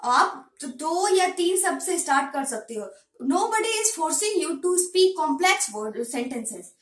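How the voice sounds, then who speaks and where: A woman's voice: sits high, big pitch swings, a bit bright. A woman teacher with an Indian English accent, giving a classroom lesson in Hindi and English, patient and checking that the students understand. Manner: slow, patient, repeats points and checks for understanding. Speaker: school teacher. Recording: echoey room.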